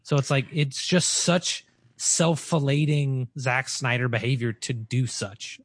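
A man's voice: medium pitch, a little slow, no room sound. A man co-hosting a podcast, giving emphatic, exasperated opinions in casual chat. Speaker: podcast co-host.

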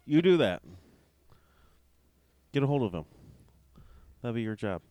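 A man's voice: mid-range voice, big pitch swings, a little slow, mellow. A man hosting a casual podcast, rambling and swearing freely while poking fun at himself. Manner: profane, rambling, self-mocking. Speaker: podcast host.

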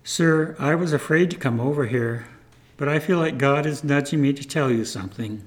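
A gentle, earnest American teenage girl, as a male storyteller puts her on, pleading softly with a stranger. Her voice sits a little high. Her words come slowly and tenderly. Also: lightly acted. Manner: soft, pleading.

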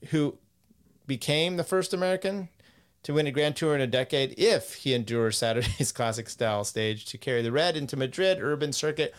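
Guy hosting a podcast, mid pitch, rambles and swears, chuckles reading quotes. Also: fairly quick. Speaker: podcast host. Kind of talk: casual chat.

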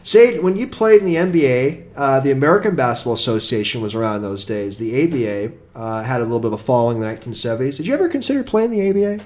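A man's voice: mid-range voice, lively intonation, fast, few pauses, darkish tone. A man hosting a sports radio interview, putting conversational questions to a guest.

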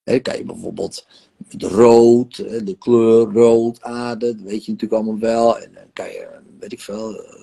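A man's voice: fairly low pitch, steady tone, normal speed, vocal fry, dark tone, slightly rough. A man guiding a casual coaching conversation, talking animatedly with many fillers and acting out inner voices. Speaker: host and session guide. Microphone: online live session.

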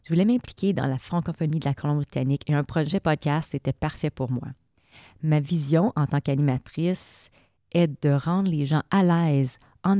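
A Québécois woman hosts a casual podcast chat around a table, sounding upbeat and welcoming and laughing easily. Her voice sits low and warm, recorded in studio quality with no room sound.

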